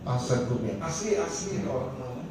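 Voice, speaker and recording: A man's voice: medium pitch, expressive, moderate pace. A man interviewing a guest casually, using short prompts and confirmations. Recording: echoey room from far off with faint noise.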